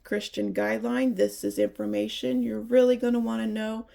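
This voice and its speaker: Woman reviewer, gravelly and a little nasal, chatty and excited, stumbles and restarts. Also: on the high side, normal speed. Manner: chatty, enthusiastic, restarts often. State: nasal from allergies. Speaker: Bible reviewer. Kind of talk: casual product review.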